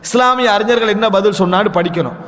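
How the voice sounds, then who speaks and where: High-voiced man preaching in a reverberant hall. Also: fast talker, a bit bright. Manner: asks the audience rhetorical questions and answers them himself; addresses listeners as dear brothers. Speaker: Islamic preacher. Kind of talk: religious lecture.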